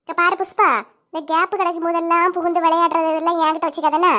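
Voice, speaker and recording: A woman voicing quarrelling village women in a cartoon comedy, sharp and scolding, with a Kanyakumari Tamil accent. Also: very high-pitched, little pitch movement, fast. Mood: quarrelsome. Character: bickering village women neighbours, quick-tempered.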